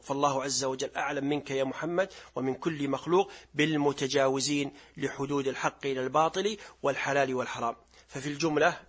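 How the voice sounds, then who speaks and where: A middle-aged man leads a religious lesson, his voice somewhat raised in pitch and a little husky. He explains patiently, recites verses at a slower pace and puts questions to his listeners. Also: a bit bright. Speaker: sheikh teaching Quran commentary.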